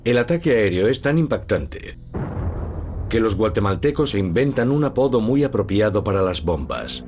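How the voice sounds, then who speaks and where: A man with a fairly low, steady voice narrates a documentary in a measured and serious way. He reads a script over soft music playing behind him. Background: background music.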